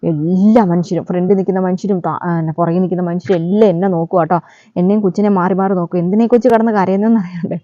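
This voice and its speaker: A woman's voice: lowish voice, steady tone, fast talker, mellow, dry recording. A woman, telling a story in a chatty vlog way and adding a friendly "you know" to her sentences. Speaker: vlogger. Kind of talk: casual storytelling. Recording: dull lo-fi dry recording.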